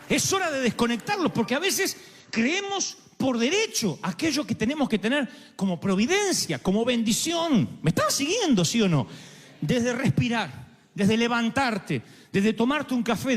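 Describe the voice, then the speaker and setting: Pastor, high voice, lively dramatic sermon in a big echoing hall with soft music. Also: male voice. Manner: dramatic, acts out quoted voices, humorous asides. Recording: live hall with long reverb, faint music.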